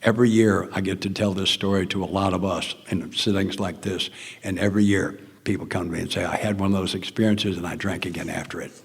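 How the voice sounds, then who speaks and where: An older man with a Southern American accent speaks earnestly and plainly, his voice gravelly and husky, sometimes sinking almost to a whisper. He is giving a personal talk at a recovery meeting, and his words ring out with the long reverb of a hall. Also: low voice, fairly even intonation, fast. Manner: earnest, plainspoken storytelling, often dropping to a near whisper.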